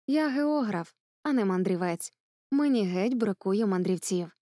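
A woman's voice: mid-range voice, lively intonation, unhurried, warm tone, no room sound, studio quality, lightly acted. A woman voicing a pompous old geographer. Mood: lecturing. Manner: self-important, lecturing.

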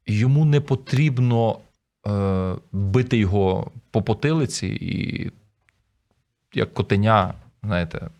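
A man's voice: lowish voice, unhurried, gravelly, a little mellow. A man, a pastor, speaking earnestly as a guest on a radio talk show in a conversational way. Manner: earnest, conversational, mimics other voices.

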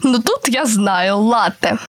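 Woman, radio host, slightly high voice, measured quiz chat. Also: lively intonation.

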